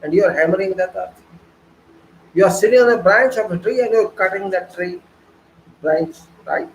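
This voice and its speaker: Emphatic, preachy high-voiced male lecturer. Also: normal speed, reverberant, a little hiss or hum, low-quality recording. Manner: emphatic, preachy, full of rhetorical questions and repetition. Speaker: engineering lecturer. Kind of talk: online lecture.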